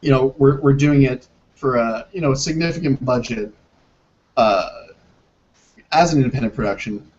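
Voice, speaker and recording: A man's voice: medium pitch, normal speed, long pauses, a little mellow. A man speaking as a filmmaker in an interview over a video call that sometimes breaks up, hesitating often and restarting his sentences. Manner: hesitant, many restarts and fillers. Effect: heard over a video call that breaks up. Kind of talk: interview conversation. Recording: muffled lo-fi video call audio.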